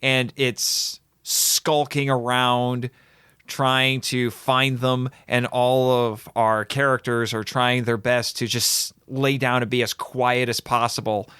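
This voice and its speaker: A man hosts a casual podcast chat, talking eagerly in quick bursts with the odd small laugh. His voice sits at an ordinary middle pitch. The recording is dry and close to the mic. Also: little pitch movement, fairly bright tone, clean tone, dry recording. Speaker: podcast host. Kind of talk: casual chat about films.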